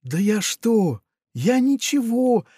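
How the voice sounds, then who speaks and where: A man's voice: extremely high pitch, sing-song, takes it slowly, warm tone, husky, no echo, studio quality, pitched above the performer's own voice, exaggerated voice. A man doing Funtik, a shy little piglet. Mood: bashful. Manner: timid, bashful.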